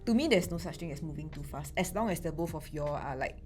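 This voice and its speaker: A woman's voice: sits low, expressive, fast talker, music in the background. A Singaporean woman co-host speaking Singlish in casual chat, outspoken, reacting and giving relationship advice. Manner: Singlish, with particles like lor and eh; outspoken, exclaims and swears. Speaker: talk show co-host.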